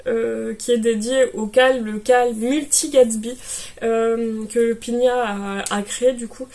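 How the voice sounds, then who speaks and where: A woman's voice: a little high, darkish tone. A woman chatting casually in a knitting vlog, talking to viewers with many fillers and restarts. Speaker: knitting vlogger.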